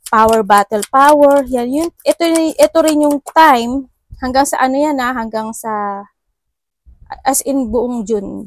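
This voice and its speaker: A woman from the Philippines giving a casual horoscope and tarot reading, chatty and full of tag questions. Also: on the high side. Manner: chatty, mixes English into Tagalog, frequent tag questions. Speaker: tarot reader.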